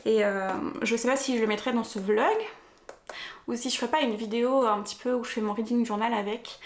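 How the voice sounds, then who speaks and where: A woman's voice: fairly high pitch, fairly even intonation, fairly quick, roomy sound. A young woman vlogging casually about her book haul and an unboxing, rambling with lots of fillers and restarts. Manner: chatty, many fillers and restarts. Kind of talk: casual vlog chat, unboxing. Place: rural home, later in a henhouse.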